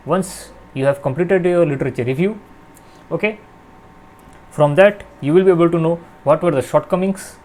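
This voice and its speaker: Young male tutor, slightly higher voice, filler-heavy step-by-step delivery. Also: a little mellow. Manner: frequent "okay" and "uh" fillers, explains step by step. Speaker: channel host teaching research writing. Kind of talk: explanatory lesson.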